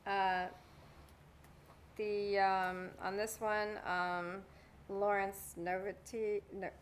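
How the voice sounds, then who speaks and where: A woman chairing a town select board meeting, moving briskly through motions and votes. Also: medium pitch, flat delivery, slight background noise. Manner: brisk, procedural, runs votes.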